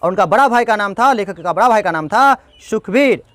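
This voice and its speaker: A man's voice: high-pitched, expressive, fairly quick, fairly bright tone, no room sound. A male teacher explaining a textbook lesson line by line. He restates each passage in simple words and speaks to the students as friends.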